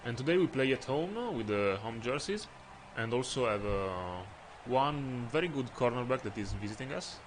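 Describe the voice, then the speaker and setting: Speaking English as a second language, this Italian-accented man from Italy commentates his football game stream, often stalling with fillers as he looks for the right word. His mid-range voice has lively intonation over background noise.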